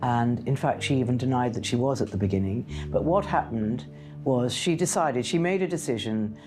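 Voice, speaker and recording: A woman's voice: extremely low pitch, normal speed, music in the background. Woman recalling events, hesitant. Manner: conversational, hesitant with fillers and restarts. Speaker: interviewee, royal commentator. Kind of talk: documentary interview recollection.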